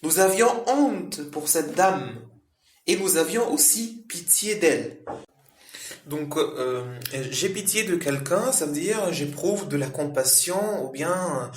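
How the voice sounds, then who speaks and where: A man with a fairly high voice walks learners through vocabulary one word at a time, rephrasing each term and dropping in frequent fillers. The recording rings with the echo of a bare room. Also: expressive. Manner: slow, repetitive explaining with frequent "hein" and "euh". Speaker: French teacher.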